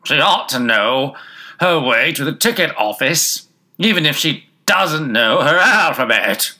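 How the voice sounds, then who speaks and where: A narrator voicing a pompous storybook goat in a loud, emphatic, declaiming voice. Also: mid-range voice, lively intonation, unhurried, pitched above the performer's own voice. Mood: indignant, pompous. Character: loud, pompous male goat passenger on a train.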